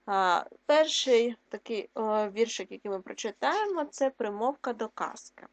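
A primary school teacher gives a recorded reading lesson for children. She explains clearly and patiently and keeps asking her pupils questions. Her voice sits fairly high for a woman. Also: animated, measured pace.

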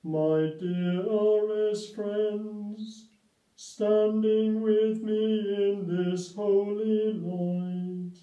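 Older priest chanting slow liturgy. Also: male voice, high-pitched, little pitch movement, warm tone. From England. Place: small room set up as a home altar, indoors. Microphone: far camera. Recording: echoey, distant, dull lo-fi sound.

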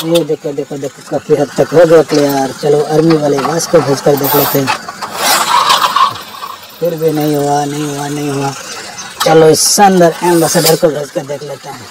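Excitable man narrating toy play. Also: a little high, moderate pace, heavy background noise. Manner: exclamatory, repeats words to show excitement. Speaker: toy video host.

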